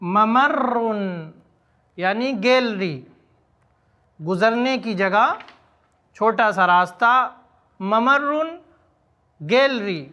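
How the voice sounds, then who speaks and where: High, bright-voiced male Arabic teacher. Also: highs cut off. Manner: says each Arabic word slowly and repeats it, then explains its meaning. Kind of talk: vocabulary lesson in Urdu.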